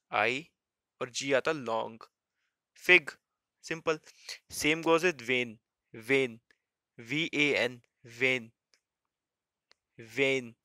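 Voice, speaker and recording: A man's voice: medium pitch, pushed and bright, clear, resonant tone. A male shorthand teacher giving a step-by-step tutorial, spelling words letter by letter and repeating "simple" and "okay".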